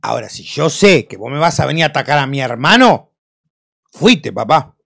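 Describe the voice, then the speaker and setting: A man's voice: a little high, normal speed, creaky. A man in his thirties with a Rioplatense Argentine accent, a guest in a heated casual interview, ranting in a streetwise way with lots of swearing. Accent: Rioplatense Spanish. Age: 30s. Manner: animated, swearing, streetwise rant with acted quotes. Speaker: interview guest, freestyle rapper.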